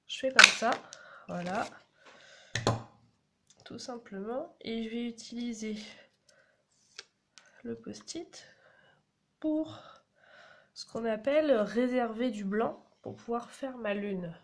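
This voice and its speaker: A woman's voice: fairly high pitch, takes it slowly, pauses often, pushed and bright. A woman, chatting through a card-making tutorial and explaining each step as she works. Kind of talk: casual crafting tutorial. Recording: audible background noise.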